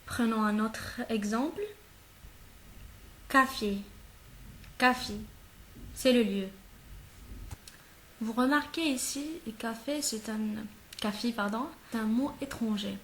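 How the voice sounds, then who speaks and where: A woman teaching a language lesson, speaking slowly and deliberately, repeating each example word several times and checking often that the listener follows. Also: on the high side, a little hiss or hum. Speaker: German teacher. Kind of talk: slow classroom-style language lesson.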